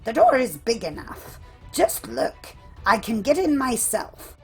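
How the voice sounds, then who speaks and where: A wicked old witch growls low and slow, mocking her prey, as a woman storyteller puts her on. Faint music plays underneath. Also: very animated. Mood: menacing. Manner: low, slow, menacing muttering.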